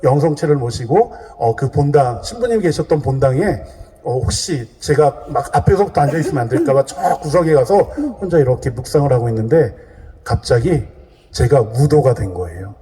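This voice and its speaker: A man's voice: mid-range voice, lively intonation, a little fast, warm tone. Man telling a dramatic story in a church. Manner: vivid, dramatic storytelling, acting out scenes. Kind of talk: storytelling sermon testimony. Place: large church. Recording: long church reverb.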